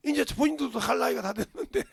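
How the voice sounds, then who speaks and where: Male pastor, sermon, high lively pitch, dry close sound. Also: brisk, vocal fry, breathy edge, dry recording. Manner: swings from hushed whispers to sudden shouts. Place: church sanctuary.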